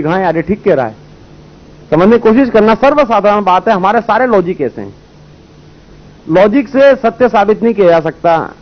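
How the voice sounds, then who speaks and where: Man, raised pitch, spiritual teacher telling anecdotes, muffled lo-fi old tape. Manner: storytelling, rhetorical questions, voices characters in anecdotes. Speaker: spiritual speaker. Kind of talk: spiritual discourse with parables. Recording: dull lo-fi old recording.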